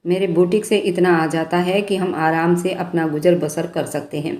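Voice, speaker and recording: A woman's voice: on the low side, steady tone, normal speed, a little mellow, close to an everyday voice. A woman voicing a strict, protective older sister who scolds her younger sibling. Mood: scolding. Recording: echoey room.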